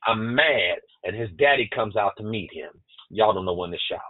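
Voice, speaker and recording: Man, pastor, sermon, repeats words, husky, tinny phone sound. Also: lowish voice, fairly quick, dry recording. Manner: preaching with stammered repetitions and call-outs to the congregation.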